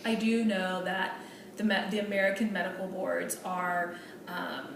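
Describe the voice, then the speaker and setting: A woman's voice: lowish voice, level tone, unhurried, gravelly. A woman playing a hesitant, earnest medical student. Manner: polite, hesitant, with many fillers and restarts. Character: earnest female medical student pleading for accommodations. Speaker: student in a meeting role-play. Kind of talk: role-play meeting. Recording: echoey room, distant mic, noisy.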